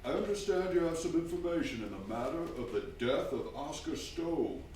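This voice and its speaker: Actor as animated police inspector, echoey hall. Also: male voice, a little high, moderate pace, natural voice. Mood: businesslike. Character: authoritative, wry police inspector. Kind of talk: stage radio drama acting. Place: theatre stage, live performance. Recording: very echoey hall, distant mic, clear noise.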